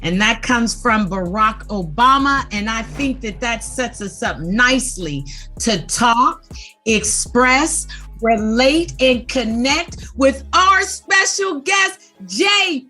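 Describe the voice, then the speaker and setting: A woman's voice: on the high side, expressive, takes it slowly, pushed and bright, faint music behind. A woman hosting a casual podcast interview over a video call, upbeat and friendly with an easygoing street slang. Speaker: podcast host.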